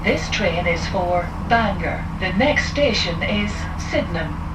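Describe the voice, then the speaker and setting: A woman giving formal, evenly paced recorded train announcements, each after a chime, over a carriage loudspeaker. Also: on the low side, animated, unhurried, over loud music. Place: inside a moving train carriage. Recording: distant, echoey, dull loudspeaker sound in a train carriage.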